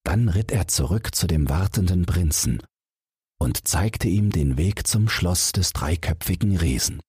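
A male audiobook narrator with a low, very breathy, husky voice reads a bedtime fairy tale at an unhurried, measured pace. His delivery is expressive and a little mellow, captured in a dry, studio-quality recording.

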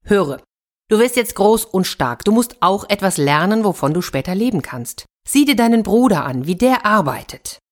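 A woman's voice: mid-range voice, expressive, moderate pace, lightly acted. A woman voicing a stern, exasperated old village father in a children's fairy-tale reading. He scolds and sighs wearily. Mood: weary.

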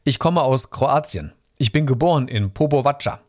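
A man's voice: medium pitch, moderate pace, voice pushed up, lightly acted. A man voicing a fiery, determined woman truck driver who insists on her wishes. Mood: insistent. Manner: insistent, excitable.

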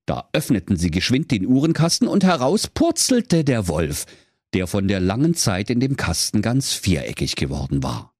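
A man narrating a comic fairy tale with a dry, lively storybook delivery. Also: lowish voice, normal speed, dry recording.

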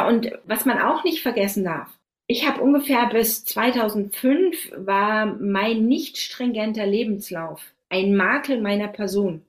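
A woman in her forties, an author on skilled trades, answering interview questions in an emphatic, persuasive way. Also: mid-range voice. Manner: emphatic, persuasive, stresses points with "doch" and "so".

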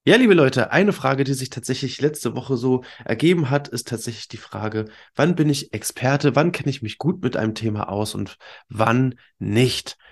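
A man's voice: medium pitch, expressive, normal speed. A man with a congested, stuffed-up nose hosting an informal solo podcast, addressing listeners directly in an emphatic, coaching way with rhetorical questions. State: congested with a cold. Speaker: podcast host.

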